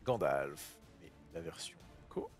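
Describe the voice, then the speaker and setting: A man hosting a casual card-opening session in his kitchen, chatty and excitable, thinking aloud and using casual slang. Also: a bass voice, slow pace, faint music behind. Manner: self-interrupting, thinking aloud. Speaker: host opening trading card boosters. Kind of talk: casual unboxing commentary. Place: home kitchen.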